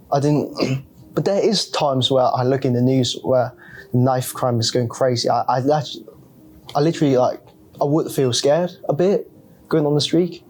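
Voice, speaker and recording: A young man from Hong Kong, a student chatting in a relaxed way with short, simple phrasing. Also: medium pitch, poor audio. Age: young adult. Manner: laid-back, simple phrasing, short reactions. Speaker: student discussion participant. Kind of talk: casual debate chat.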